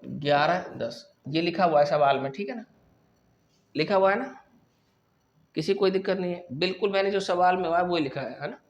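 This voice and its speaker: A man's voice: high-pitched, moderate pace, long pauses, muffled recording. Man teaching maths step by step. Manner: explains step by step, often checking with "ठीक है". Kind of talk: classroom maths lesson.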